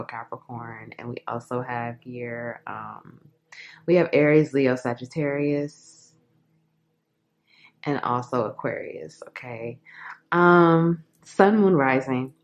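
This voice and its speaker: A woman with a low voice talks through a tarot reading in a loose, candid way, full of fillers and frequent laughter. Her delivery is frank and conversational. The recording sounds dull and lo-fi. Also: darkish tone. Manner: chatty, laughs often, frank, filler-heavy. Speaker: tarot reader. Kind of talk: casual tarot reading to camera.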